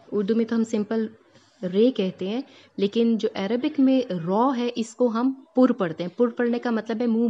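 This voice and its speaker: A woman with a mid-range, slightly mellow voice gives a Tajweed lesson on a muffled recording. She patiently teaches Quran recitation rules step by step, explaining each letter, drawing out the sounds to demonstrate, and checking in often.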